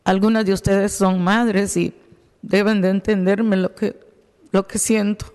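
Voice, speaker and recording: A woman's voice: mid-range voice, flat delivery, normal speed, a little mellow, smooth. A woman from El Salvador, a native Spanish speaker, pleading with a city board during public comment. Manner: pleading, emotional. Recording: long hall reverb.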